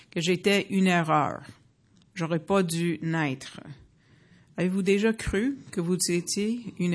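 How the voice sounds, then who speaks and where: A woman in her fifties from the United States giving a personal faith testimony to an audience, earnest and halting, with frequent fillers and restarts. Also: on the low side. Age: 50s.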